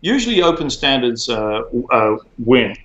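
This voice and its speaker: A man being interviewed, explaining at length in a measured way with frequent fillers and restarts. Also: medium pitch, big pitch swings, fairly bright tone. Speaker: interview guest, former tech executive. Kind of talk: conversational interview. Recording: roomy, dull lo-fi sound.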